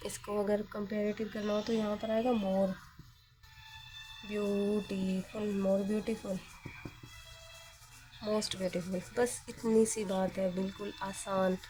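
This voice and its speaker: Soft background music plays as a woman teacher, her mellow voice pitched mid-range for a woman, takes students through grammar one step at a time. She speaks slowly and levelly, patiently asking questions and supplying the answers herself.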